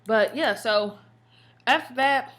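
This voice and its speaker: An American woman telling stories in a casual, slangy vlog style, expressive and full of emphatic asides. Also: on the high side, takes it slowly. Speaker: vlogger. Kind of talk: casual chatty storytelling vlog.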